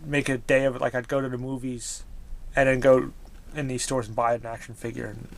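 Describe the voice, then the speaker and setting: A man's voice: medium pitch, level tone, a little fast, creaky. A man in his thirties, a toy collector, reminiscing casually in a rambling way with many restarts.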